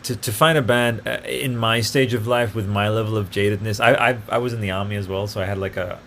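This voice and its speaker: A man's voice: on the low side, steady tone, a little fast, fairly bright tone, a little hiss or hum. A man hosting his own podcast, talking casually and enthusiastically, full of fillers and tangents. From grew up partly in Italy. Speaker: podcast host. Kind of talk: casual solo podcast talk.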